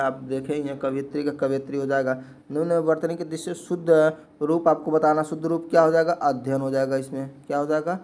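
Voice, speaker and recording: A man's voice: a little high, a little mellow. A man teaching a spelling lesson for exam prep, asking questions and answering them himself in a repetitive explaining way.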